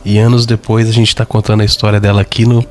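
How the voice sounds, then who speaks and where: Low-voiced Brazilian podcast host. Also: male voice, little pitch movement, quick pace, soft background music. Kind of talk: casual podcast chat.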